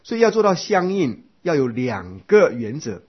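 A man's voice: fairly high pitch, very animated, normal speed, breathy edge. A man teaching Buddhist doctrine in a lecture, explaining step by step and asking rhetorical questions. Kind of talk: dharma lecture. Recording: dull lo-fi lecture recording.

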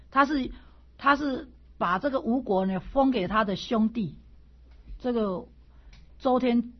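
Husky-voiced woman lecturing on classics. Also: mid-range voice. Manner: conversational, repeats and restarts phrases, rising emphatic questions. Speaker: teacher of the Analects. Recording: dull lo-fi recording.

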